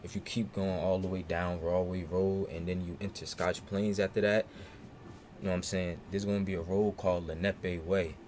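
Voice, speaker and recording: A young man talks through family and local history in a relaxed, slang-filled podcast chat. His voice sits very low. There is clear room noise behind him. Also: normal speed. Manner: laid-back slang-heavy storytelling. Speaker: podcast co-host. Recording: noisy room ambience.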